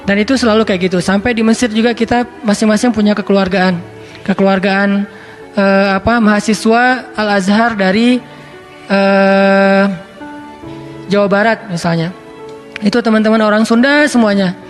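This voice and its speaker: A man with a strikingly high voice delivers a relaxed, chatty sermon, talking like he is among friends. He weaves recited scripture into the talk, with soft music faint in the background. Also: moderate pace. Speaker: preacher. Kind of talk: casual sermon.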